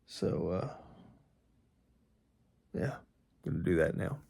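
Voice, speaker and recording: A middle-aged man talking casually to a vlog in a drowsy, halting, unhurried way, with a dry mouth and some gum chewing. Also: low-pitched, lively intonation, gravelly, warm tone, slightly rough, no echo. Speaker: vlogger. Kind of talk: casual solo vlog, rambling personal talk.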